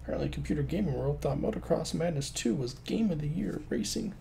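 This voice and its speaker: A man's voice: a little high, lively intonation, fast, gravelly, warm tone, a little hiss or hum. A man in his thirties chatting casually on a live stream as a game developer, rambling and joking at his own expense. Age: 30s. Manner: joking, rambling self-mockery.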